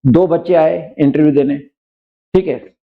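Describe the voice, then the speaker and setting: A man teaching vocabulary with a gravelly, fry-tinged voice and a slightly high pitch. He walks through each point patiently and checks in with his students as he goes. The recording sounds dull and lo-fi. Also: measured pace. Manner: explains step by step, often asks "right?". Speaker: English teacher. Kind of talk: classroom vocabulary lesson.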